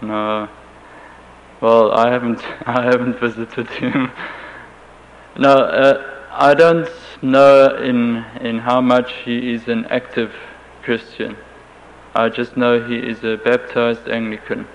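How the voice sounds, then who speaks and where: Answering interview questions, a native German speaker with a German accent proceeds carefully and haltingly, restarting often. His medium-pitched voice shows little pitch movement, and the dull lo-fi tape has a faint hiss.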